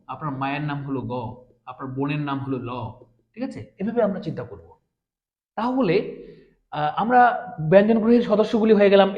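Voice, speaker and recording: A man teaching a lesson, asking questions and repeating points as he explains. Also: fairly high pitch. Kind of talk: classroom lecture. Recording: echoey room, dull lo-fi sound.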